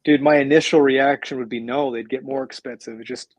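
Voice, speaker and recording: A man in his forties joining a casual livestream chat, animated and playfully boastful. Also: medium pitch, brisk, no room sound. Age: 40s.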